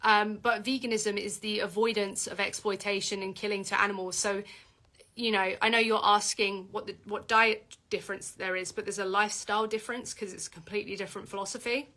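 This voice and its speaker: Hosting a relaxed livestream Q&A, this woman reads viewer comments aloud and responds with frequent fillers and false starts. She sounds deep for a woman, with a flat, sharp delivery that runs a little fast.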